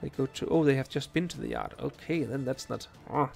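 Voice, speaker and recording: A man's voice: medium pitch, vocal fry. A young Danish man, not a native speaker, streaming a video game and chatting casually with viewers, with many ums and restarts. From Denmark. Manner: relaxed, halting, lots of ums and restarts. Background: faint game music.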